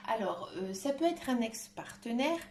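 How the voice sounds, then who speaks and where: A woman giving a tarot reading to her viewers, talking gently and hesitantly with many filler sounds. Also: fairly high pitch, big pitch swings, moderate pace, vocal fry. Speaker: tarot card reader. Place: room at home, dog nearby. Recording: echoey room with faint noise.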